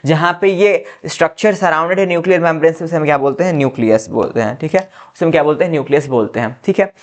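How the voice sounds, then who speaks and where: A higher-pitched man teaches biology at a fast clip in a classroom lecture. Repeating questions and then answering them on his own, he says "ठीक है" frequently and calls his pupils "बच्चा".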